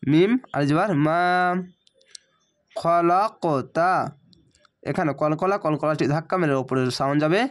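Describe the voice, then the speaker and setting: Male reading teacher, patient letter-by-letter spelling, drawn-out recitation, slightly high voice. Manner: spells letters and vowel marks, then recites words slowly and drawn out.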